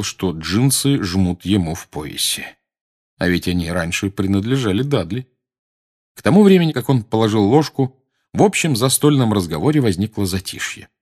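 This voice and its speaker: A man reads an audiobook aloud as a narrator in a measured, expressive way. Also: low-pitched. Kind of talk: scripted narration.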